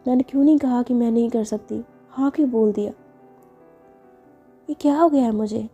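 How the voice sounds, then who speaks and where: A woman's voice: fairly high pitch, normal speed, dark tone, husky, dull audio, faint music behind. A shy, confused young bride, as a woman storyteller puts her on. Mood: wistful.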